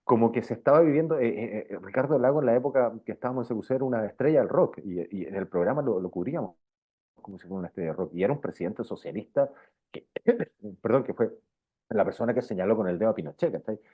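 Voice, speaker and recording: A middle-aged Chilean journalist being interviewed speaks fast and expressively in a fairly low voice with a breathy edge. His talk is informal and slangy, often circling back over phrases, and the audio is thin and phone-like.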